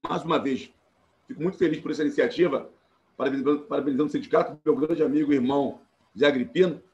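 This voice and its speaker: A Brazilian man with a Carioca accent speaks through a video call, his voice sitting a little high for a man. He talks earnestly and with emphasis, and he often restarts his sentences as a panelist in a live discussion. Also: fast, darkish tone, dull audio. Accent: Carioca Portuguese. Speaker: panelist, former law student and activist. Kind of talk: live-streamed panel talk.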